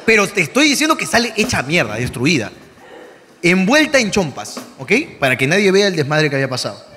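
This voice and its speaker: A man's voice: on the high side, very animated, fairly quick, bright, forceful tone, in a large hall, slight background noise. A man with a Peruvian accent, hosting a comedy podcast and telling a crude story packed with slang and sound-effect words. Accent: Peruvian Spanish. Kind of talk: comic storytelling.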